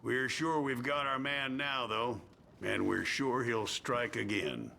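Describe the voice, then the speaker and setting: A wry, folksy old-west lawman in a video game. His gravelly voice is bright and lively, rising and falling as he drawls. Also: mid-range voice, slow pace, slight background noise, heavily acted. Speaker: lawman handing out bounties.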